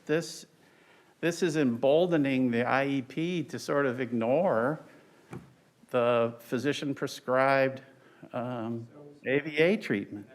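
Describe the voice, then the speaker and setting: Slow, halting older man arguing in court. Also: mid-range voice. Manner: halting, deliberate, with stretched pauses. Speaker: attorney arguing on appeal. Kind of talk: oral argument in court. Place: large courtroom. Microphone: lectern microphone, speaking through a face mask.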